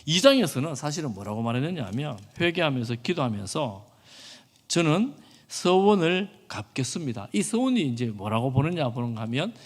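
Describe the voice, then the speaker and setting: Lively preaching man, echoey church. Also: medium pitch, quick pace, hardly any pauses. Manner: earnest, animated, acts out quoted speech. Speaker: pastor. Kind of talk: sermon. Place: church hall.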